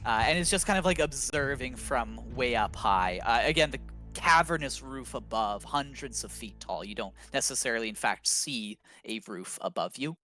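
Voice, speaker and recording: A man's voice: mid-range voice, lively intonation, moderate pace, bright, forceful tone, soft background music. A man narrating a tabletop game casually as game master.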